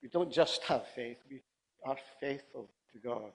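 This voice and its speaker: A man's voice: medium pitch, unhurried, gravelly, slightly rough, poor audio. A man preaching a sermon in a conversational, anecdotal way, often repeating and rephrasing himself.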